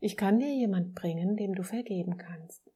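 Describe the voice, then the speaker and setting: A woman's voice: medium pitch, normal speed, mellow, slightly rough, natural voice. A woman voicing a kind, devoted soul who offers help in a storybook. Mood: tender.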